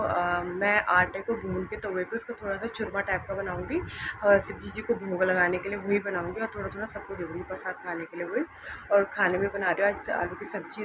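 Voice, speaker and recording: A young woman talks through her day at home in a casual vlog. Her voice is hoarse and tired, and she rambles softly, repeating herself, at a middling pitch. Clear background noise runs under the recording. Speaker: vlogger.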